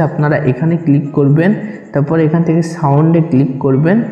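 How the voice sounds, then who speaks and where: In an echoey, reverberant room, a man with a Bangladeshi accent and a rather high voice narrates a step-by-step app tutorial, repeating his directions as he goes. The highs are cut off.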